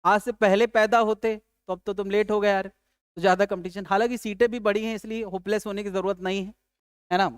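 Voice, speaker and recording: A man's high-sitting, smooth voice moves a little fast with little pitch movement, recorded in studio quality with no room sound. He's a physics teacher giving a chatty, joking lecture, calling students "yaar" and answering his own questions.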